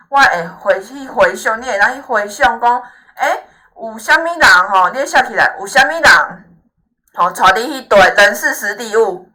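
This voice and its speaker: A woman teaches in a conversational way with a clear Taiwanese Hokkien accent. Her voice is bright and forceful at a middle pitch. She keeps checking that the listener follows, with short questioning tags, and offers reassurance. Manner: encouraging, reassuring. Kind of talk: informal lesson, explaining to a student.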